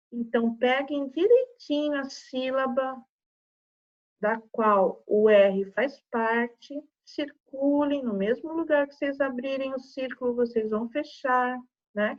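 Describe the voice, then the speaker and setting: Slow, patient schoolteacher woman. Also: sits high, highs cut off. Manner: slow, syllable-by-syllable dictation with frequent "tá?" checks. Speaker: primary school teacher. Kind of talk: remote lesson for young children.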